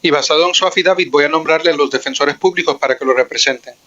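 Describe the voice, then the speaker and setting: A man interprets live for a court, his translation voice carried in over a muffled, lo-fi line. He talks fast, in a formal, even relay of each statement. His tone is bright and crisp, sitting a little high for a man.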